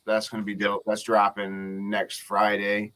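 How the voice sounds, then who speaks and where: Brief: male rapper guest, bright tone, relaxed street slang. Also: on the low side, a little slow. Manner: laid-back, slangy, swearing. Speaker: hip-hop artist guest. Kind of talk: casual podcast chat.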